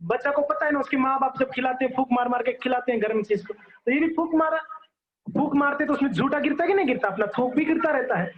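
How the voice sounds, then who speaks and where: A man's voice: very high-pitched, quick pace, highs cut off, slight background noise. A man giving a devotional sermon, telling stories animatedly and acting out the characters while asking his audience questions. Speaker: preacher.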